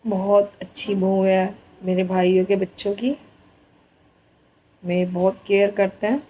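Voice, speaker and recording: Slow, mellow-voiced woman vlogger. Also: mid-range voice, fairly even intonation, slightly rough, poor audio. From India. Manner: slow, soft-spoken, homely chatting. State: injured leg. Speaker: family vlogger. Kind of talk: casual vlog narration.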